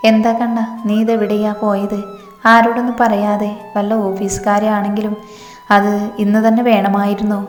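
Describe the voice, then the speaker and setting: A woman's voice: mid-range voice, flat delivery, normal speed, close to an everyday voice. A woman voicing a caring, heavy-hearted elder man breaking sad news to family, in a storybook reading. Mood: worried. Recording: echoey reverberant room, faint music.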